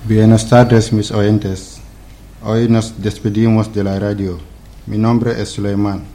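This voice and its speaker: A man's voice: on the low side, flat delivery, takes it slowly, warm tone, a little hiss or hum. A man from Senegal, a Serer speaker, reading a short personal text in short, careful sentences for a school radio show.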